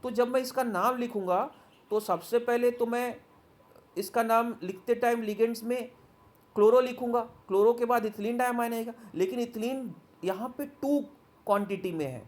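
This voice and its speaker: This chemistry lesson is led by a man with a very high-pitched voice, who often throws quick questions at the class. He reads English points from slides before explaining them in Hindi.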